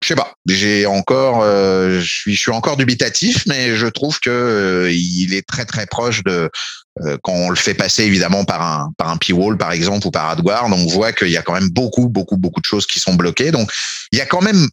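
A man's voice: deep voice, moderate pace, a bit bright, dry recording. A man giving a casual spoken explanation as a tech speaker, hesitating often with fillers and restarts and dropping informal asides.

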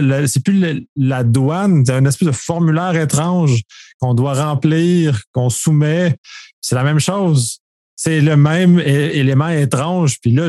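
A man's voice: a little high, mellow, dry recording. Man with a dry close voice. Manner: thoughtful, searching for words. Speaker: podcast co-host. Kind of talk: casual discussion.

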